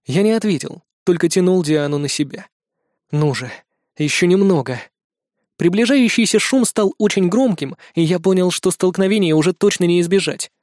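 A male audiobook narrator with a notably high voice, telling a first-person fantasy story at a steady, measured pace. The sound is dry and close, as from a studio booth. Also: no echo.

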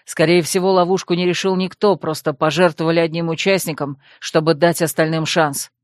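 A man's voice: fairly high pitch, flat delivery, a little fast, no room sound, close to an everyday voice. A woman reading an audiobook, voicing a clever, teasing young male fox shifter with a dry, mocking drawl. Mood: musing.

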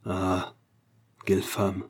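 A man's voice: low-pitched, completely flat delivery, drawn-out words, full character voice. A man reading aloud, voicing a bored, hot-tempered retired sea captain who bursts into angry outcries. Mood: bitter.

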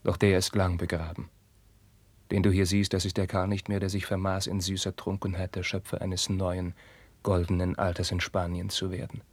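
An actor playing an anguished young prince, declaiming verse in a 1950s radio drama and swinging from hushed whispers to outbursts. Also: male voice, low voice, completely flat delivery, normal speed, breathy edge, dry recording. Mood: brooding. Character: young anguished prince, passionate, tormented by forbidden love.

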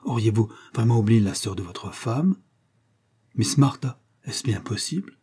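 A man's voice: on the low side, animated, a little slow, dark tone, husky, full character voice. A male reader voicing a vain, effusive middle-aged woman who has newly remarried, exclaiming piously and gushing over everyone.

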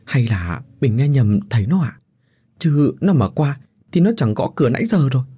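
A man's voice: medium pitch, sing-song, normal speed, dark tone, breathy edge, pitched above the performer's own voice. A man voicing a frightened country wife. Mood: coaxing. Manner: frightened, stammering, pleading. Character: anxious rural Vietnamese wife, middle-aged.

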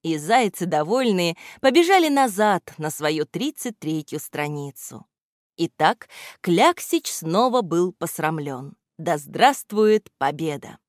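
A woman reading a children's storybook aloud with expressive narration. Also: on the low side, takes it slowly, no room sound, clean studio sound.

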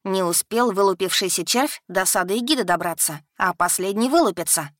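A woman voicing a talkative, restless young male dragon student who speaks loudly and excitedly. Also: medium pitch, a little fast, dry recording, clean studio sound, close to an everyday voice. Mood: pushy.

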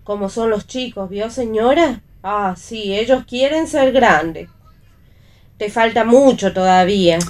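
A woman's voice: on the high side, slow pace, darkish tone. A woman voicing a fussy, doting mother who sighs over her son, in a radio theatre reading. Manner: fussy, sighing.

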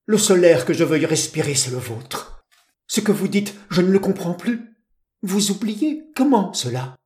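A man plays an ardent young suitor, trembling and stammering as he pours out his love. The voice climbs high and urgent and rings in a roomy, echoing space. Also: measured pace, lightly acted. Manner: breathless, pleading, stammering. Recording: roomy echo.

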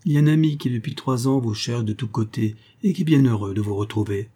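A man's voice: medium pitch, fast talker, mellow, slightly rough, natural voice. A man voicing a sardonic, insolent male drifter in his mid-thirties, mocking and pushy.

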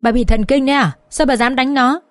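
A woman voicing an angry older father-in-law who shouts indignantly. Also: on the high side, animated, racing, no echo, lightly acted.

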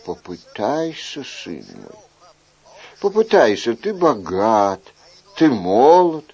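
A man reading an audiobook, voicing a weary, wry middle-aged king in a soft, measured way. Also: mid-range voice, sing-song, slightly rough, muffled recording, heavily acted.

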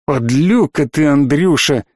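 A man voicing a furious, menacing male colonel who speaks in a slow, hoarse growl. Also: on the high side, lively intonation, a little mellow, no echo, clean studio sound.

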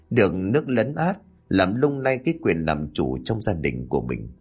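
A man narrates a story in a low voice with lively, animated swings of pitch. His reading is scripted and expressive. Faint music plays quietly behind him. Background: faint background music.

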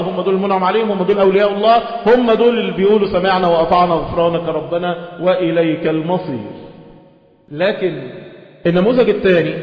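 High-voiced Egyptian man teaching in echoey hall. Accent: Egyptian Arabic. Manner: switches between dialect explanation and slow Quran recitation; lively, rhetorical questions to listeners. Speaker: religious teacher. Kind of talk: Quran lesson. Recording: echoey hall, muffled lo-fi sound.

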